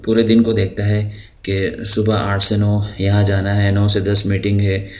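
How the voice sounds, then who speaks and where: A man from Pakistan who teaches English words in a recorded lesson. He draws each word out slowly, then explains it patiently, with frequent hesitation fillers. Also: fairly low pitch, completely flat delivery, a little mellow.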